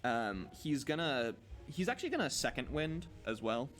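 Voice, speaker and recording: A man's voice: medium pitch, big pitch swings, normal speed, a bit bright, soft background music. A man playing a character in a tabletop game, talking casually and hesitantly with fillers and restarts. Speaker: player.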